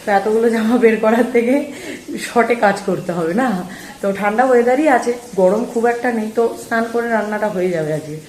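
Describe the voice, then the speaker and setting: A woman's voice: on the high side, fast talker, a little mellow, roomy sound, slight background noise. A woman vlogger chatting casually to her viewers about her day at home. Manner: chatty, talks straight to viewers. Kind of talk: casual vlog chat.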